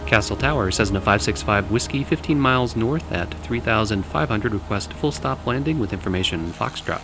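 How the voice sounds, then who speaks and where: A man's voice: on the low side, normal speed, vocal fry, music in the background. A man making clipped, procedural pilot radio calls into a headset mic, using standard aviation phrasing. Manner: clipped, procedural, even delivery. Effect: pilot radio calls over a headset mic. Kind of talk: air traffic radio phraseology.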